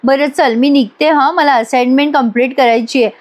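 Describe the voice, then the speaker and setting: A woman voicing a teenage college girl making quick, defensive excuses. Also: high voice, steady tone, close to an everyday voice.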